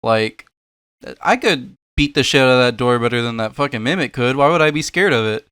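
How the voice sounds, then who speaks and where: A man's voice: medium pitch, expressive, brisk, a bit bright, clean tone, dry recording. Sarcastic young man mocking clips. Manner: mocking, swears a lot, laughs at clips. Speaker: commentary creator reacting to videos. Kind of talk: sarcastic reaction commentary.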